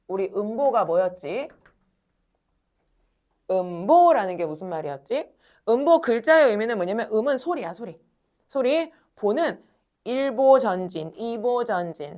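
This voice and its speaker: Her voice a little high, a woman lectures a class with animation, addressing the students head-on. She asks questions only to answer them herself, and slows down to stretch out words for demonstrations.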